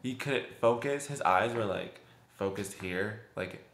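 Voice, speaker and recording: A man's voice: on the low side, a little slow, vocal fry, a bit bright. A young man vlogging, chatty, laughing often and acting out voices as he tells a story. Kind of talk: casual storytelling. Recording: roomy echo.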